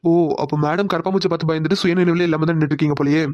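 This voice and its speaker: A woman's voice: deep voice, steady tone, rapid-fire, darkish tone, dull audio, lightly acted. A woman doing a teasing young male boss. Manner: playful, teasing, bossy. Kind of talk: cartoon voice acting.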